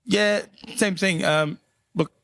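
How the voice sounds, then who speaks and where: A man's voice: high voice, slow pace, a bit bright, dry recording. A man with a New Zealand accent chatting casually as a guest, laid-back, often tagging his phrases with checking fillers. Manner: laid-back, often adds "you know". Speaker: interview guest, musician. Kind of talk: casual chat.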